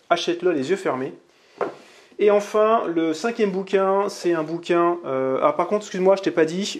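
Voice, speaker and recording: A man hosting a casual vlog, recommending books in a chatty, upbeat way and talking straight to the viewer. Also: fairly high pitch. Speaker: channel host reviewing books. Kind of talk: casual vlog talk to camera.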